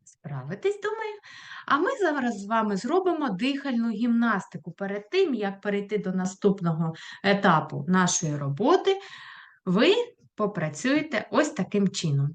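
A woman teaching a primary school lesson, talking to children in a clear, patient voice and asking questions as she goes. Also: mid-range voice, big pitch swings, moderate pace. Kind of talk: recorded online lesson for children.

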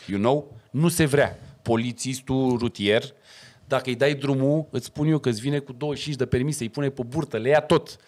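A man, a podcast guest talking casually and telling animated, slangy stories. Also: medium pitch. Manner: animated storyteller, slangy, acts out quoted dialogue.

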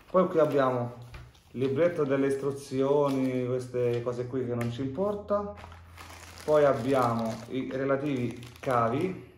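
A man's voice: medium pitch, darkish tone. A young man talking casually to the camera in an unboxing vlog, chatty and informal with lots of fillers. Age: young adult. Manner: chatty, informal, many filler "cioè" and "raga". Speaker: vlogger. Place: room at a wooden table indoors. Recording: echoey room, faint noise.

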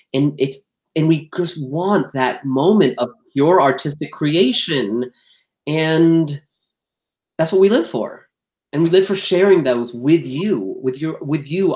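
Man telling theater stories in an echoey room. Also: a little high. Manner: animated, acts out quoted exchanges. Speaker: guest, theater actor and director. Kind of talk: candid interview storytelling. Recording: roomy echo.

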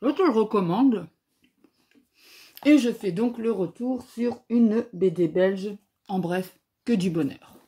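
A woman giving a casual spoken review of a comic book, often pausing and searching for her words. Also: medium pitch, dark tone.

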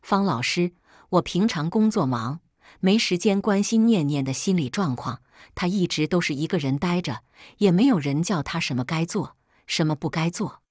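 A woman's voice: on the low side, expressive, moderate pace, a little mellow, no room sound, studio quality. A woman reading a story aloud, voicing a humble working mother who pleads anxiously with a teacher. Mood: earnest.

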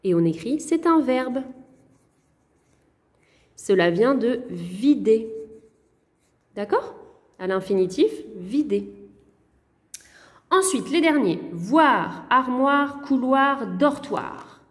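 A woman's voice: a little high, lively intonation, takes it slowly, long pauses, in a large hall. A woman teacher going over a lesson correction for young pupils, patient and careful, sounding words out syllable by syllable. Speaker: primary school teacher.

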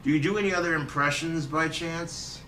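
A man's voice: fairly high pitch, moderate pace, pushed and bright, slight background noise. A young man bantering playfully and teasing while trading impressions. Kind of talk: joking banter, doing impressions. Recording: roomy, distant amateur recording.

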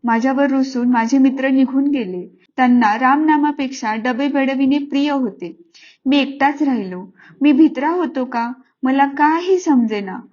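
A woman narrating a classic storybook in a gentle, expressive reading voice. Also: sits high, moderate pace. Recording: slightly muffled lo-fi.

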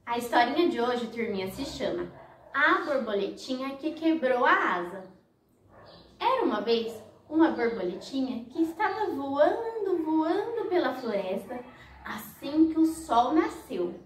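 A woman nursery teacher tells a story for very young children. Her voice is high and lively and she talks slowly, in an exaggerated sing-song. She sounds distant, in an echoey room. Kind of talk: storytelling for toddlers.

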